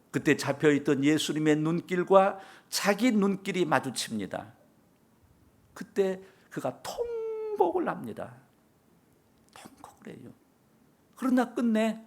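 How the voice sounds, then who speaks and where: A man preaching a church sermon, telling a story with acted-out dialogue and rising to loud exhortation. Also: on the high side, gravelly. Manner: dramatic storytelling, acting out quoted dialogue, building to loud exhortation. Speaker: pastor.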